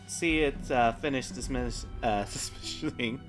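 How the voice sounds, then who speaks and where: A man's voice: mid-range voice, unhurried, faint music behind. A man running a tabletop game, improvising narration of scenes as game master.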